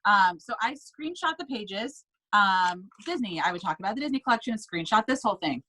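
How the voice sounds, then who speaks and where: Bright, upbeat woman coaching sellers. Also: mid-range voice, expressive, a little fast, poor audio. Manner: upbeat, emphatic, checks in with "okay?" and "right?". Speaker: direct sales team leader. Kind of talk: casual coaching talk.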